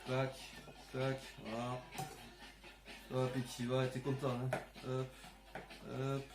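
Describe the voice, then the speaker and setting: A man's voice: medium pitch, monotone, slow pace. A man with a southern French accent running a casual cooking tutorial, cracking crude jokes and tagging his sentences with "hein" as he talks straight to the viewer. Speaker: home cook presenting a recipe. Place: home kitchen. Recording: echoey kitchen with music behind.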